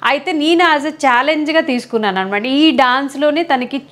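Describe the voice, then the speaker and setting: A middle-aged woman with a Vizag Telugu accent talks candidly as an interview guest. Her voice sits fairly high. She speaks emphatically and with feeling. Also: normal speed. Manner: emphatic, animated, quotes others in lively voices. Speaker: interview guest, mother of a contestant.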